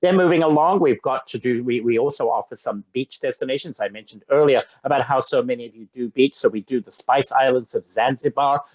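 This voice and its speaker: A man's voice: mid-range voice, a little fast, few pauses, darkish tone, dry recording, poor audio. Enthusiastic man presenting safari slides. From Zambia. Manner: enthusiastic, effusive. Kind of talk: webinar presentation.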